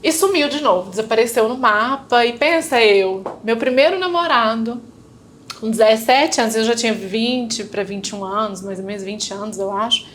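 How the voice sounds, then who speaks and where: Brazilian woman telling her story, high voice. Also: normal speed, a bit bright, slight background noise. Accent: Brazilian Portuguese. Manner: storytelling, acting out remembered dialogue, frequent tag questions. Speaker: interview guest. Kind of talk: personal testimony in casual chat.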